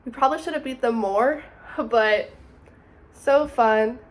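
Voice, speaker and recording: Speaking slowly in a voice on the high side, this twenty-year-old vlogger narrates her summer in a bright, chatty voice-over and uses "super" a lot.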